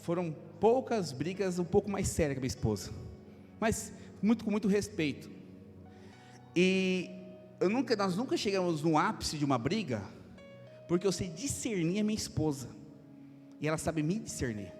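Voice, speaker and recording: A Brazilian man in his thirties, a pastor preaching a lively sermon with jokes and acted asides. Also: high-pitched, moderate pace, long pauses. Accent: Brazilian Portuguese. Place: church hall. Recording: long hall reverb, faint music.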